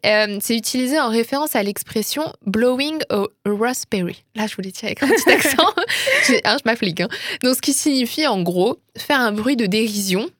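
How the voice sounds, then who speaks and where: A talkative woman presents her culture segment with a fairly high voice, breaking into laughter and poking fun at herself. The sound is close and dry, with no room around it. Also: expressive, a little fast, a bit bright, no echo. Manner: chatty, laughs often, self-mocking. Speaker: culture columnist. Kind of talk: casual radio chat.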